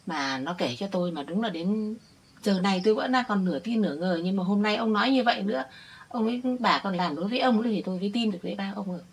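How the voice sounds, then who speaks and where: A woman's voice: mid-range voice, fast, breathy edge. A middle-aged woman playing a village woman who earnestly insists she is telling the true story. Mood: sympathetic. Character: older village woman defending her family. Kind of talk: village family drama acting.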